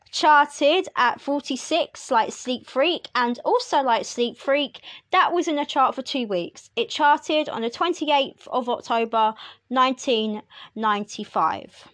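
A woman's voice: sits high, fairly bright tone, dry recording, studio quality. A woman hosting a music podcast, reading release lists in a chatty way with wry asides to the listener. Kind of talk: casual solo commentary.

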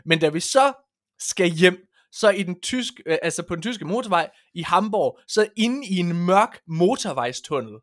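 Male podcast host, high voice, informal and sweary, rambling storyteller in loose conversation. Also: animated, a bit bright. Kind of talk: casual chat, anecdotal storytelling.

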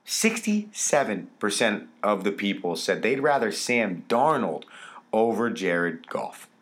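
Low-voiced man talking football. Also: takes it slowly. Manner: animated, emphatic, repeats words for stress. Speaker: podcast co-host. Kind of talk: casual sports talk.

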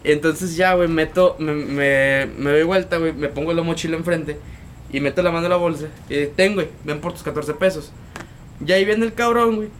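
Young dude, kinda high voice, slangy, says güey every line, bit of room hiss. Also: male voice, a little fast. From Mexico. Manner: slangy, repeats words and tags lines with "güey". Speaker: podcast co-host. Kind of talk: casual chat, storytelling.

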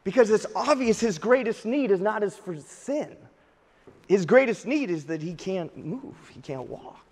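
Pastor preaching in a reverberant hall. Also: male voice, sits high, animated, measured pace. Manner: storytelling, varies pace and loudness for emphasis. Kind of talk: sermon.

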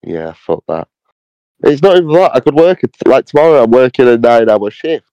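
A man's voice: mid-range voice, big pitch swings, a little fast, warm tone, no room sound. A young man, co-hosting a podcast with blunt, jokey, sweary interjections. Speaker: podcast co-host. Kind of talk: casual chat. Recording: slightly dull, lo-fi mic.

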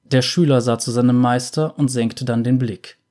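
A man narrating a fantasy story in a calm, measured way. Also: medium pitch.

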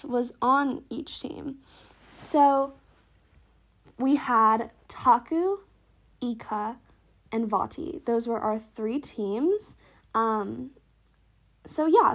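A woman hosting a casual solo podcast in a chatty, upbeat, informal way, sounding stuffed up and slightly wheezy. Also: fairly high pitch. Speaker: podcast host.

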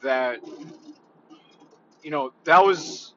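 Hesitant man vlogger, slow and bright-toned, lo-fi recording. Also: on the high side. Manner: hesitant, halting, heavy on fillers. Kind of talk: casual reflective monologue.

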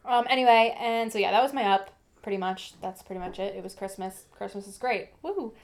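A young woman co-hosts a casual podcast, chatty and rambling, filling her talk with lots of "like" and "um." Her voice is medium-pitched and fairly quick.

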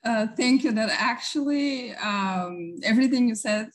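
A woman from Bulgaria, an immigration attorney, answering interview questions casually with many pauses and fillers and a light laugh. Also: fairly high pitch.

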